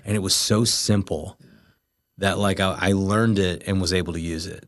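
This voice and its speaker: A man's voice: deep voice, fairly even intonation, moderate pace. A middle-aged man teaching in a casual, conversational way, with informal, loosely phrased talk. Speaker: host of a prayer teaching series.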